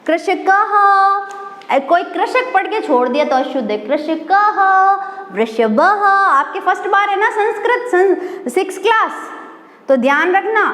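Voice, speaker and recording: In this recorded online lesson, a school Sanskrit teacher speaks in a very high voice, calm and unhurried. She slowly repeats words and asks the class questions, and her voice echoes with a long reverb.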